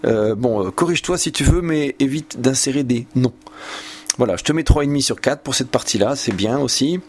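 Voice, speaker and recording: A man's voice: mid-range voice, fairly quick, a little mellow, slight background noise. A man, a language teacher giving a student patient, encouraging spoken feedback with frequent hesitations.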